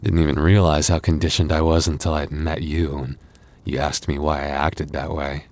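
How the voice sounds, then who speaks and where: This time the tender werewolf boyfriend comes across as vulnerable and relieved, still stammering with breathy little laughs and sighs in the intimate ASMR roleplay. The man's bass voice is delivered flatly.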